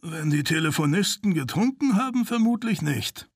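A man's voice: fairly high pitch, lively intonation, normal speed, dry recording, studio quality, pitched above the performer's own voice. A man voicing a blunt, wry male undertaker in a noticeably raised voice. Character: dry, grumbling male undertaker.

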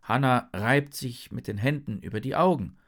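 A storyteller reading a children's story aloud in an expressive, dramatic way. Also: medium pitch, moderate pace.

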